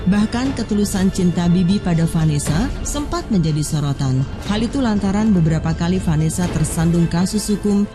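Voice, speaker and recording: A woman reads a scripted entertainment news voice-over in a smooth, even delivery. Her voice sits lowish for a woman. Music runs clearly underneath her. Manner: smooth, read-aloud delivery.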